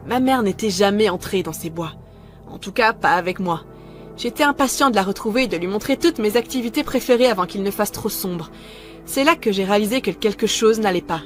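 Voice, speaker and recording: A woman narrating a first-person horror story in a calm, measured way, scripted. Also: mid-range voice.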